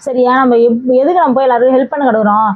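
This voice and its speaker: A woman's voice: sits high, rapid-fire. A woman vlogger in a heated confrontation, answering in a curt, defensive and dismissive way. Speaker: vlogger in a staged argument. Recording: tinny phone-like sound.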